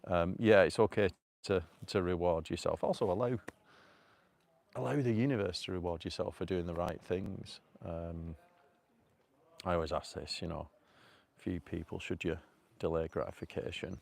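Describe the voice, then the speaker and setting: A man from North Manchester with a broad northern English accent, talking off the cuff on a live stream outdoors. His voice sits very low and has a gravelly, creaky edge. He rambles in a chatty way and fills the gaps with ums, speaking into a phone held out on a selfie stick. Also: moderate pace, a little mellow. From North Manchester, England. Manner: rambling, chatty, laughs often, many fillers. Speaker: vlogger. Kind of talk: casual live stream talk. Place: outdoors at a rocky cove by a river.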